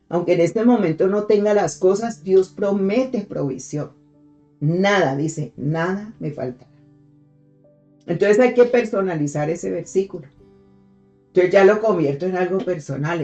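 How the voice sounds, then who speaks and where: A preacher leads a morning devotional in a warm, mellow voice at a middle pitch. The delivery is patient and methodical, with rhetorical questions and key lines said again for emphasis. A soft guitar plays quietly underneath. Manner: teaches step by step with rhetorical questions; repeats key phrases for emphasis. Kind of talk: devotional sermon.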